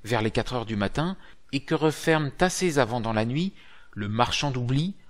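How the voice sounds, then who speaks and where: A man's voice: medium pitch, expressive, normal speed. A man narrates a script in a formal, literary reading manner.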